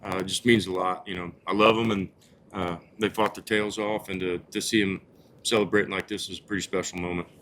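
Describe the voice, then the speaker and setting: Low-voiced coach in a post-game interview. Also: male voice, level tone, a bit bright, slight background noise. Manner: halting, earnest, repeats words as he gathers thoughts.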